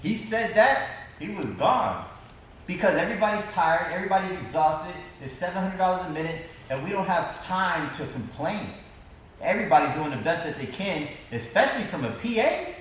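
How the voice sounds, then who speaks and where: A man's voice: high-pitched, expressive, normal speed, fairly bright tone, a little hiss or hum. A man teaching a class in a casual storytelling way, repeating phrases for emphasis. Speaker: film teacher. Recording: echoey classroom from far off.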